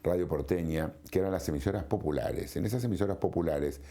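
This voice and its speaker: An older Argentine man with an Argentine accent reminisces and explains things in a halting, anecdotal interview style. His voice is low-pitched and dark in tone.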